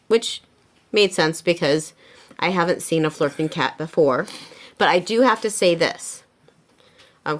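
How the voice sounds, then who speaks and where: Lower-voiced female podcast co-host. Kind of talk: casual chat.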